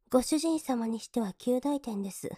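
A woman's voice: fairly high pitch, breathy edge, dry recording, studio quality. A woman playing a scornful young maid. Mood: mocking. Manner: politely contemptuous, mocking; drops into soft whispers to sneer. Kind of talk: adult audio drama.

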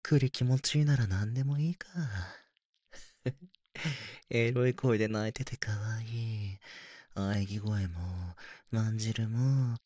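A man voicing a doting, teasing older brother in a whispered role-play, speaking in a low, intimate murmur. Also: takes it slowly, warm tone, no room sound. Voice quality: breathy. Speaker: voice actor.

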